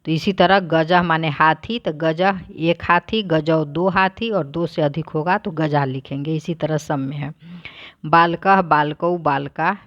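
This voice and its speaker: A woman teacher who reads each word aloud, then explains it plainly, in a slow, deliberate lesson. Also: low voice, steady tone, no echo, highs cut off.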